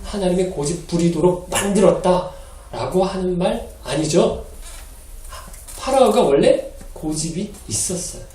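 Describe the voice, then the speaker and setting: A man preaching a Sunday sermon as pastor, animated and acting out quoted lines in a changed voice. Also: high-pitched, measured pace. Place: church hall. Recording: echoey hall, mic from a distance.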